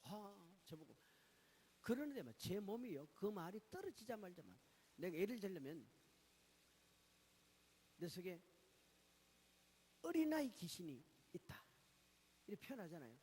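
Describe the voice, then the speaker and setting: A man preaching a testimony sermon at a church meeting, asking questions and answering them himself, swinging from loud exclamations to hushed asides. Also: high voice, very animated, measured pace, long pauses, husky. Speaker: guest pastor giving a testimony.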